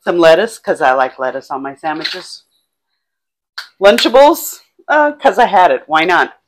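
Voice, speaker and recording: A woman in her sixties co-hosts a vlog, chatting casually and listing items in a small home kitchen and bedroom. Her fairly low voice has lively intonation and a measured pace, picked up by a clip-on lapel mic along with some background noise.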